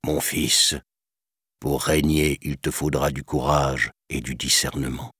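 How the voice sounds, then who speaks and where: Mufasa, a solemn lion king, deep and measured, as a man voices him. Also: fairly even intonation, fairly bright tone, slightly rough, dry recording, clean studio sound, heavily acted. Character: late male lion king, solemn father.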